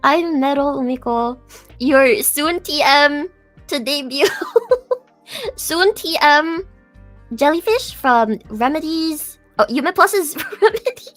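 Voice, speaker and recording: A young woman hosts a livestream with the playful air of a gamer girl. Her voice is very high and swings around a lot, bubbly and easily flustered. Faint music plays behind her casual chat. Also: expressive, takes it slowly, fairly bright tone. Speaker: stream host and virtual streamer.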